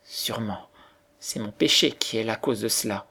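A man voicing a proud, cruel young boy who talks with harsh scorn, a little higher and louder than his own reading. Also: normal speed, gravelly, exaggerated voice. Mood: troubled. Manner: harsh, contemptuous, raised voice.

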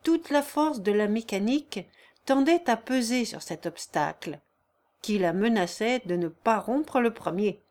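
A woman narrating a classic novel in a measured, even storytelling manner. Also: a little high. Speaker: audiobook narrator.

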